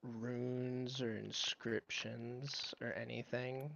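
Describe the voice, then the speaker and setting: A man's voice: medium pitch, flat delivery, extremely slow, gravelly, pushed and bright, no room sound, highs cut off. A man playing a tabletop role-playing game, casually describing his character's actions. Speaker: player.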